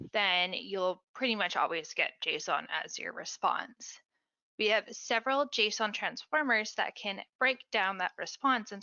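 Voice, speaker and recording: Bright-voiced woman explaining on a call. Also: medium pitch, gravelly, dry recording, dull audio. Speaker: support specialist. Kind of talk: casual webinar explanation.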